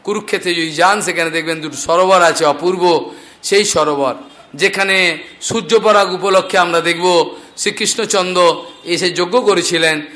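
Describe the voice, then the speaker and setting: A man telling scripture stories as a devotional preacher, animated and acting out the characters' speech. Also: high-pitched, normal speed. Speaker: Bhagavata storyteller preacher.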